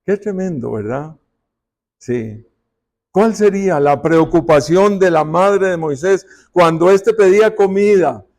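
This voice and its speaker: A male pastor preaches at an unhurried, drawn-out pace, his voice pitched a little high. He keeps turning to the congregation with rhetorical questions, as if in conversation with them. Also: lively intonation, a little mellow. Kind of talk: sermon. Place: church.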